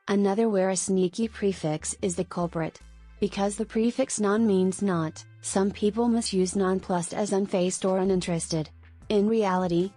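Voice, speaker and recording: A woman giving a scripted explainer on tricky words, clear and lightly playful. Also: mid-range voice, mellow. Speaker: narrator. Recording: faint background music.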